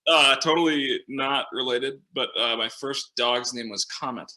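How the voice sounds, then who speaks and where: Man with minnesota accent, podcast guest, very bright sharp tone, self-mocking, chatty. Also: medium pitch, unhurried. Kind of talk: casual podcast chat. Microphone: video call.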